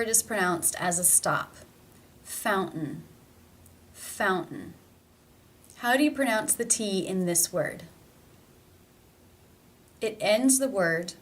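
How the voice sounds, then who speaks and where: Slow, deliberate woman teaching pronunciation. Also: mid-range voice. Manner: slow and deliberate, repeating example words. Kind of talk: scripted pronunciation lesson.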